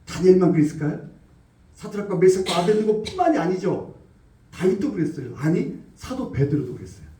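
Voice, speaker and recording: A man's voice: sits high, sing-song, brisk, mellow. A man preaching a sermon as pastor, emphatic, with phrases he repeats for stress. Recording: echoey church hall from far off.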